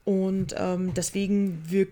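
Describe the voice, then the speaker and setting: In a relaxed podcast chat, this co-host jokes and mocks herself in a chatty way. She speaks slowly at a medium pitch, with a flat delivery and a dark tone.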